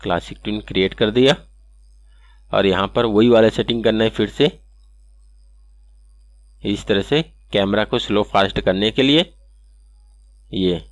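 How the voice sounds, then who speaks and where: A man hosting an animation software tutorial, walking through each step and checking in with "okay" again and again. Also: lowish voice, measured pace, pauses often, no room sound. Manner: step-by-step, repeats "ठीक है" often. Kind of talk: screen-recorded software tutorial.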